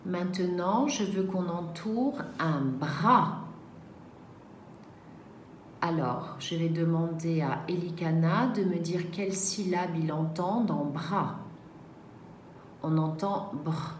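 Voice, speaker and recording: A woman teaching a reading lesson to young children, sounding out each syllable slowly and carefully. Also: on the low side. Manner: slow, carefully articulated syllables. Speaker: primary school teacher. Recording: echoey room, faint background noise.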